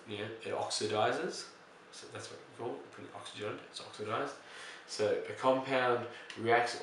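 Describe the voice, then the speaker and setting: A male chemistry teacher explaining reaction types in a relaxed way, pausing with fillers and correcting himself. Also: lowish voice, recorded from a distance, slight background noise. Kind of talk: recorded lesson explaining reactions. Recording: echoey room, voice off-mic.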